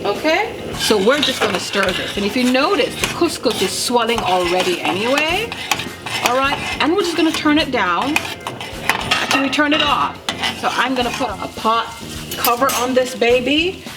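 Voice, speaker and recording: Her fairly high voice is animated and moves at a normal speed as this roughly fifty-year-old cooking show host from Jamaica chats emphatically through a casual demo, tossing questions to the listener. Heavy background noise fills the roomy, echoing space: loud music, clattering pots, stirring.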